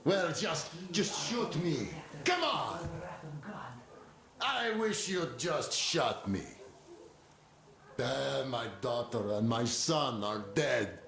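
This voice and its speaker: A gravelly grieving father. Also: mid-range voice, lively intonation, drawn-out words, long pauses, crowd noise, full character voice. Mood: despairing. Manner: bitter, despairing. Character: grieving desperate father begging to be shot. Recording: echoey game audio.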